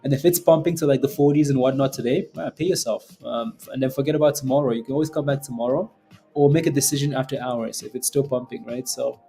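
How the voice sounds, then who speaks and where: A man's voice: medium pitch, fairly even intonation, quick pace, gravelly, warm tone, faint music behind. A man hosting a casual live trading stream, talking in slangy finance-bro style, blunt and exasperated, often repeating himself for emphasis. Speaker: day-trading livestream host.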